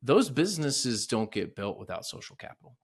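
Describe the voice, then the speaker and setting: A man's voice: medium pitch, sing-song, a little fast, husky. A man hosting a casual interview, asking pointed rhetorical questions and stumbling through restarts. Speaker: podcast host.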